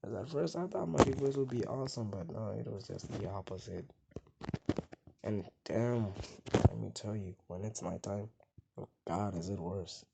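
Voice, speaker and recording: A young gaming vlogger with a strikingly deep, low voice and gravelly fry rambles casually to the camera at a moderate pace. Some words come out soft and mumbled, making him hard to hear at times. Mouse clicks and a loud noise floor run under the recording.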